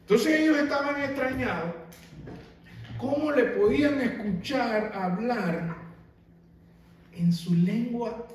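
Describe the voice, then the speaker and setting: A man preaching a sermon as pastor, animated and asking the congregation rhetorical questions. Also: very high-pitched, slow pace, long pauses, slight background noise. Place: church sanctuary. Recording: very echoey hall, mic far off.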